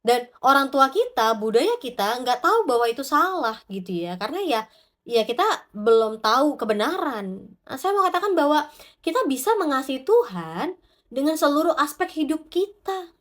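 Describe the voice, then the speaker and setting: A woman with a high, bright-pitched voice delivers a devotional sermon. She speaks with animated, searching energy and talks straight to her listeners. She acts out short quoted prayers and voices as she goes. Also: normal speed. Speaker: preacher.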